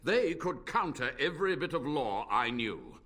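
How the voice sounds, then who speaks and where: A male actor voices an ancient, unrepentant blood mage in a fantasy video game, his delivery grave, formal, and theatrical. His mid-range voice is a bit bright and very animated, moving at a moderate pace.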